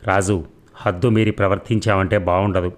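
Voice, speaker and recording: An irritable, sharp-tongued young woman in an audiobook novel, as a male reader puts her on. The voice stays low and close to the reader's own. Clipped and curt. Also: fairly even intonation, brisk, natural voice. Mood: snapping. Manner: snapping, irritable.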